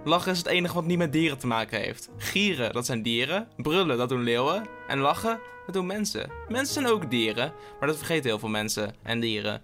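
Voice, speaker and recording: A man's voice: mid-range voice, sing-song, fairly quick, hardly any pauses, a bit bright, soft background music. A tired man hosting a comedic solo podcast, rambling with stammered restarts and frequent swearing, into a podcast microphone. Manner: rambling, self-interrupting, swears often. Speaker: podcast host.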